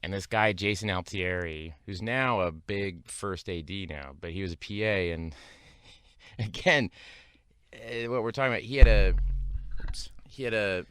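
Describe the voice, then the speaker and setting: A man guesting on a podcast, telling an animated anecdote about his days as a production assistant and often breaking into laughter. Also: fairly low pitch, a little slow, smooth, no room sound, studio quality. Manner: animated storyteller, bursts into laughter.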